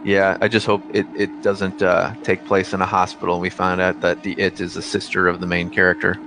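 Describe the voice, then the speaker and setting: Laid-back low-voiced podcast guy. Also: completely flat delivery, brisk, background noise. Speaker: podcast co-host. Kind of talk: casual movie-review chat.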